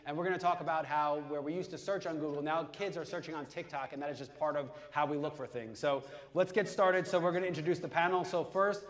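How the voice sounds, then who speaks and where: A man's voice: fairly high pitch, fairly even intonation, fast, hardly any pauses. A man hosting a live panel, with casual, rambling, joking banter. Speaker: panel moderator and podcast host. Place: live event stage.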